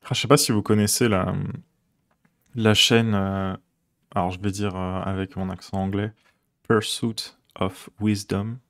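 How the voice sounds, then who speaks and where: A man chatting casually with his viewers while he codes on a live stream, rambling with many fillers and quick chuckles. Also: low-pitched, flat delivery, a bit bright.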